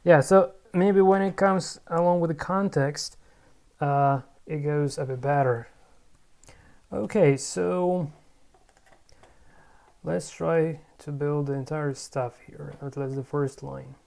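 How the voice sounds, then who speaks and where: Slow, gravelly and medium-pitched, with frequent pauses, this language learner works on pronunciation in a casual vlog. They keep repeating words, fix their own mistakes and mutter to themself between bursts of excitement.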